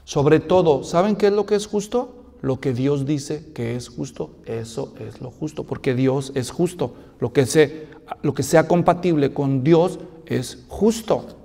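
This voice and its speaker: A man's voice: fairly high pitch, unhurried, creaky, warm tone, in a large hall. A male pastor preaching a sermon, telling a story and asking rhetorical questions.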